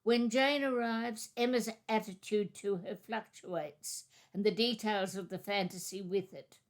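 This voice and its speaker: A woman co-hosting a literary discussion podcast, reading a chapter summary and giving measured, thoughtful commentary. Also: mid-range voice, steady tone. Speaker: podcast co-host.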